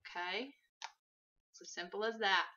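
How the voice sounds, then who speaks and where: For a casual how-to vlog, a fitness vlogger in her twenties demonstrates something in her home kitchen, moving around and chatting in a practical way. Her mid-range voice has a sharp tone, fairly even intonation and a moderate pace. The audio, from a camera mic across the room, is dull and lo-fi.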